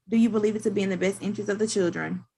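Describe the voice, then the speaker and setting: A woman speaking as a state's attorney in a formal, halting, procedural way on a video call. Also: medium pitch, steady tone, gravelly, mellow, slightly rough. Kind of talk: formal courtroom questioning.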